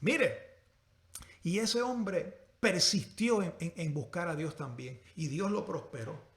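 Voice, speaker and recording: A man with a high, ringing voice delivers a passionate sermon, swinging between loud peaks and hushed, drawn-out phrases. He speaks straight to his listeners with pointed questions, and the sound carries the echo of a large room. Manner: impassioned preaching, rising and falling volume, drawn-out emphasis; addresses the congregation directly with rhetorical questions. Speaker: pastor.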